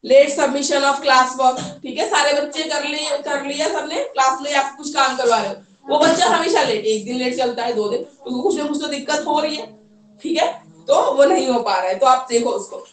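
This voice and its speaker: Woman teacher, high voice, lecture, keeps checking in with okay, roomy classroom echo, distant mic. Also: moderate pace. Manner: explains with repeated "theek hai", mixes English terms. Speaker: teacher trainer. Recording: echoey room, voice from far off.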